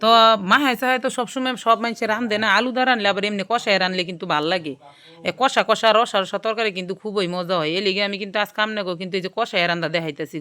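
Fast, chatty woman with a Gazipur accent. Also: mid-range voice, sharp tone. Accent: Gazipur regional Bangladeshi Bengali. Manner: chatty, talks straight to viewers with frequent check-ins. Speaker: cooking channel host. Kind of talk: casual cooking vlog narration.

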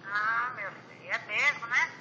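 A woman on speakerphone as a mother on a phone call, with a gentle, reassuring way of talking. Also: on the high side, a little slow, a little hiss or hum. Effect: heard on speakerphone. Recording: tinny speakerphone in an echoey room.

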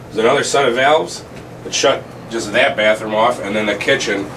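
In this walkthrough training demo, a middle-aged plumber explains shut-off valves step by step in a casual, plain-spoken way, moving through the utility rooms inside a commercial building. His voice is mid-range and his pace moderate. The recording comes from a distant camera mic, with air conditioning humming in the background.

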